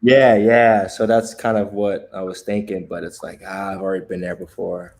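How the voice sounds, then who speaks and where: A man's voice: low voice, little pitch movement, moderate pace, gravelly, a little mellow. An American man hosting a casual livestream chat, laid-back and laughing often, talking in loose slang. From United States. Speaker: livestream host.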